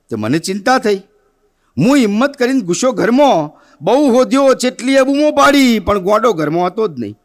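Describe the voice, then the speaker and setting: High-voiced man reciting rustic comic verse. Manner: sings verses slowly, then tells a comic tale with quoted dialogue. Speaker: poet reciting at a poetry gathering. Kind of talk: poetry recitation and comic storytelling.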